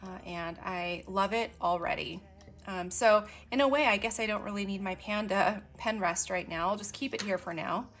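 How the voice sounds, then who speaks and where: A stationery vlogger narrates a casual show-and-tell in a medium-pitched voice, chatty and unhurried. She says um a lot and drops asides as she works, with soft music playing behind her.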